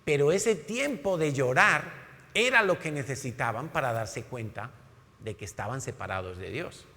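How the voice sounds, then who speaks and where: A male pastor preaching with emphasis and acting out the voices in his stories. His voice sits at a middle pitch and rings with the long reverb of a church hall. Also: expressive, normal speed, bright, forceful tone. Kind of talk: sermon.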